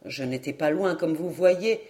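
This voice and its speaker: A woman voicing a kindly middle-aged male doctor who speaks in a measured, reassuring, good-natured way in an audiobook. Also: low-pitched, darkish tone, voice pushed down.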